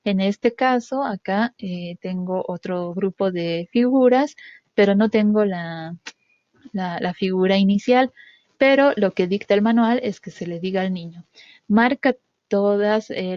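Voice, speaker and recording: A woman's voice: mid-range voice, dark tone, dry recording, muffled recording. A woman demonstrating a test procedure step by step. She often checks in with "¿sí?", uses many fillers, and stresses key sounds. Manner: repeats "¿sí?" to check understanding, with frequent fillers. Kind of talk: instructional walkthrough.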